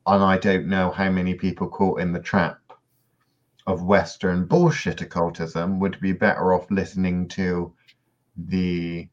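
A man co-hosting a podcast in casual discussion, dry and sardonic, often trailing off quietly at the ends of sentences. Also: sits low, dull audio. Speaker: podcast co-host.

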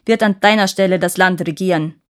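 A woman voicing an ugly, fearsome male spirit dwarf who shouts and scolds. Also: on the high side, steady tone, normal speed, clean tone. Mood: scolding.

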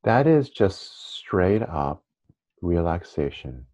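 A man guiding a meditation practice as a teacher, speaking informally with frequent pauses. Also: low voice, very animated, a little mellow. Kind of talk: guided meditation instruction. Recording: muffled, band-limited audio.

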